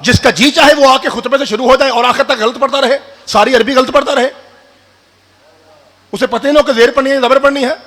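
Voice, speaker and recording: A man preaching a sermon, fiery and addressing the crowd directly, rising to shouts. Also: very high-pitched. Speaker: preacher at a religious gathering. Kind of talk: sermon with call-and-response. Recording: long hall reverb.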